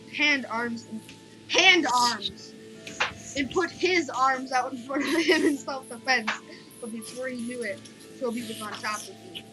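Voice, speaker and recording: A woman's voice: fairly high pitch, rough recording. A young woman reading a horror story aloud in a casual way, often stumbling and restarting lines. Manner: reads with frequent stumbles and restarts. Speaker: creepypasta reader. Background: background music.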